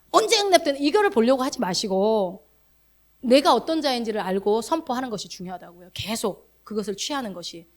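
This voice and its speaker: A middle-aged woman pastor with a high voice delivers a sermon. She preaches in an animated way, asks the congregation rhetorical questions, and slips into quoted voices.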